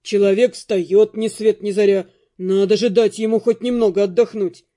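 Give me a woman voicing a joking, mock-reasonable young mercenary man, mellow, in an audiobook. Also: mid-range voice, steady tone, normal speed, voice pushed down, lightly acted. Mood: mock-serious.

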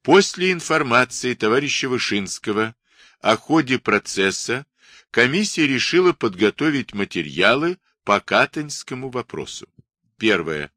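A man narrating a nonfiction history book in a formal, measured reading style. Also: mid-range voice, sing-song, pushed and bright, no echo, clean studio sound. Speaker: audiobook narrator.

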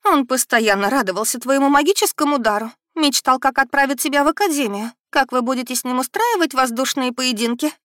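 A woman's voice: sits high, lively intonation, fairly quick, hardly any pauses, fairly bright tone, no room sound, studio quality, pitched above the performer's own voice. A woman voicing a fussy middle-aged noble mother, pleading and reproachful.

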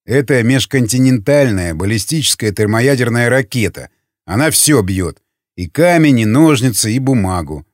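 A man voicing a gruff older male raider with a dry, mocking manner and curt commands. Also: mid-range voice, animated, normal speed, no echo, lightly acted. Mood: wry.

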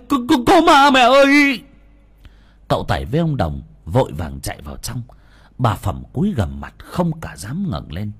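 A man narrating a ghost story in a dramatic, animated way. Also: fairly low pitch, slightly rough.

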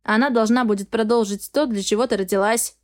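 Secretive young shapeshifter man voiced by a woman, blunt, defensive, audiobook reading, highish voice. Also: steady tone, brisk, close to an everyday voice.

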